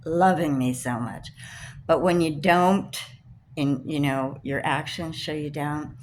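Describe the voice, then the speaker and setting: A woman's voice: sits low, fairly even intonation, slow pace, a little hiss or hum, rough recording. Indignant woman venting to camera. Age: older. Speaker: vlogger. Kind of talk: personal rant to camera.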